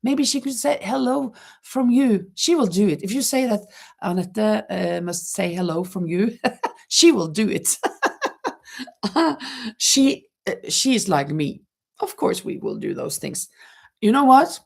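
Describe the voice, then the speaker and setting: A middle-aged Norwegian host livestreams casually from home by a terrace, chatting and reading viewers' comments. She speaks at a measured pace in a medium-pitched voice that is creaky and slightly rough, yet very animated. Laughter and restarted words come up often.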